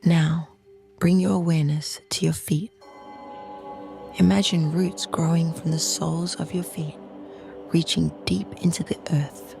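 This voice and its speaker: Casting: female meditation guide for a calm grounding exercise, low breathy voice with some creak, soothing measured phrasing, music underneath. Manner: slow, soothing, measured delivery in short phrases.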